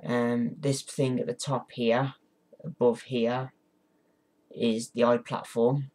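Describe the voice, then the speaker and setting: A man's voice: medium pitch, level tone, takes it slowly, a little mellow. A man talking casually through an instructional vlog, hesitant and apologetic, with encouraging words for his viewers. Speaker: amateur ventriloquist giving a tutorial.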